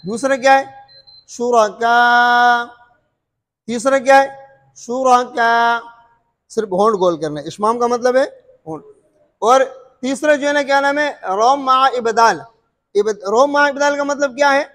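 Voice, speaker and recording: High-voiced male tajweed teacher, echoing. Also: a bit bright. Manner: repeats terms and quizzes listeners, drawn-out sung examples; frequent filler "what's it called". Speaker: Quran recitation teacher. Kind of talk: explaining recitation rules to students.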